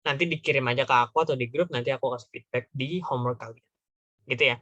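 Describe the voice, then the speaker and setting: A man's voice: medium pitch, fast talker, a bit bright, no echo, lo-fi sound. A young man giving a casual online class as a workshop tutor, slangy and chatty, often repeating his points.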